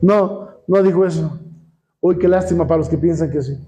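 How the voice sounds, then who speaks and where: High-voiced Mexican pastor preaching. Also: male voice, moderate pace, dark tone, lo-fi sound. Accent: Mexican Spanish. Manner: preachy, rhetorical questions, keeps addressing the congregation. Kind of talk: sermon.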